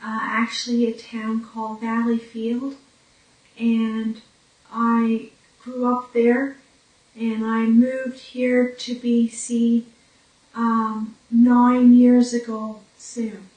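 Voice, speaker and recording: Slow, halting woman in her forties. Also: on the high side, completely flat delivery, darkish tone, distant mic. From Newfoundland, Canada. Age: 40s. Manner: slow, halting, with pauses and fillers. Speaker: brain injury survivor telling her story. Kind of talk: documentary interview. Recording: echoey room, voice from off-mic.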